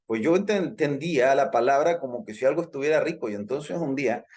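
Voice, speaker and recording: A man's voice: mid-range voice, lively intonation, fast talker, darkish tone. Man teaching, repeats himself often. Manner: explanatory, repeats himself, checks in with listeners. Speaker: hypnosis instructor. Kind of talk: live online class.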